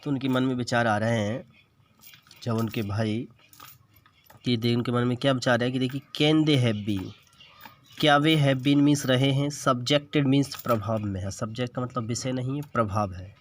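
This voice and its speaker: Reading English lines in an Indian accent, this teacher speaks a little slowly in a medium-pitched voice, with slight background noise. His bilingual classroom lesson walks patiently through the text word by word.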